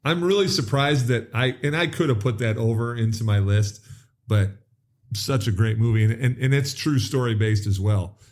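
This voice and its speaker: A middle-aged man with a mid-range voice co-hosts a podcast at normal speed. In casual conversation, he tells stories eagerly.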